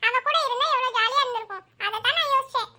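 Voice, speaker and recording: A woman's voice: extremely high pitch, racing, sharp tone, exaggerated voice. A woman voicing a chatty, affectionate young daughter in a cartoon.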